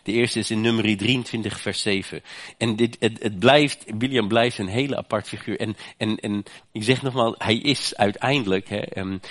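A man preaching a sermon with passion. He often says "hè" and climbs to high, emphatic peaks. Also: moderate pace, fairly bright tone, no room sound. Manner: impassioned, rises to high emphatic peaks, frequent "hè" fillers.

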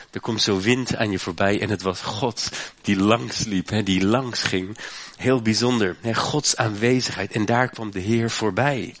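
A man's voice: medium pitch, a bit bright. A man from the Netherlands preaching a sermon as pastor, earnest, repeating his phrases and tagging them with little questions.

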